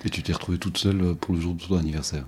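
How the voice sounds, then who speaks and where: Deep-voiced man asking questions. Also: fairly even intonation, very fast, a little hiss or hum. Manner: gentle, probing follow-up questions that recall earlier talks. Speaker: interviewer. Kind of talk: one-on-one interview.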